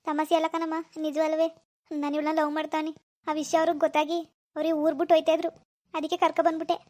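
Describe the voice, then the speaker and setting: Someone voicing a squeaky, pleading young man. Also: monotone, fast talker, a little mellow, close to an everyday voice. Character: lovesick young village man, nervous. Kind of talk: animated village drama.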